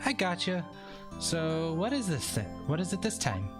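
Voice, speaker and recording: A man's voice: very animated, moderate pace, music in the background. Maya, a man doing a cutesy bubbly girl. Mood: teasing. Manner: high cutesy girly voice. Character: bubbly teenage girl, cheerful and teasing.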